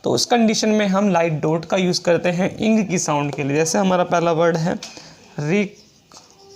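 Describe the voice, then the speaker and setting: A man teaching a shorthand class, slowly explaining rules and repeating each example word. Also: high-pitched, highs cut off. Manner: slow, repetitive explaining, reads rules aloud. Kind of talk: classroom lesson.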